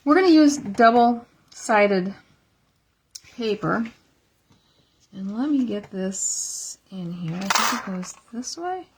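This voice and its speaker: A woman demonstrates card making at her craft table in a relaxed, chatty way. She talks herself through each step as she works. She is recorded through an iPad camera. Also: mid-range voice, slow pace, pauses often, very noisy. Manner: chatty, thinks aloud while working. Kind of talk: casual craft tutorial. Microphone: iPad camera on a stand.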